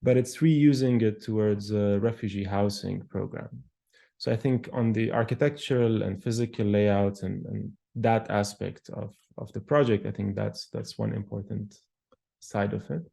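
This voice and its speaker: A man in his thirties from Palestine, an architectural historian, answering interview questions in a thoughtful, measured way with frequent pauses and fillers. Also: lowish voice, fairly even intonation, vocal fry, mellow. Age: 30s.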